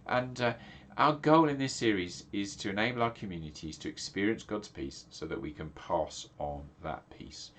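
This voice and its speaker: This middle-aged English pastor speaks to camera casually, his fairly low voice a bit bright and moderately paced with few pauses. Nasal and congested, he meanders through ums and repeated restarts.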